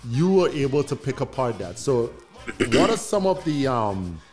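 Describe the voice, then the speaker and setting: A man's voice: mid-range voice, sing-song, measured pace. A man interviewing someone in casual, informal, slangy conversation. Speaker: host asking questions. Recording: music behind the voice.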